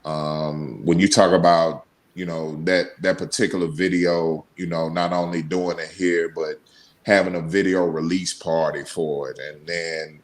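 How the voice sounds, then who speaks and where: Man, low deep voice, conversational podcast guest, informal phrasing, emphatic repetition. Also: level tone, measured pace. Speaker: podcast guest, radio show co-host. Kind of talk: casual interview talk.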